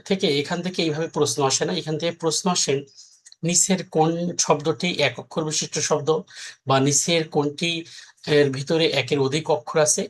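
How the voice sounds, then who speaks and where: Man teaching an exam class. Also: fairly high pitch. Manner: conversational, explaining step by step with frequent fillers and checks. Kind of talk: recorded exam lesson.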